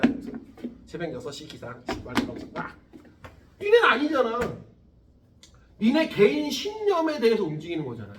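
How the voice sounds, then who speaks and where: Far from the mic in an echoey classroom, a high-pitched physics tutor in his thirties lectures profanely and playfully. He jokes, swears casually and keeps up animated chat with his students.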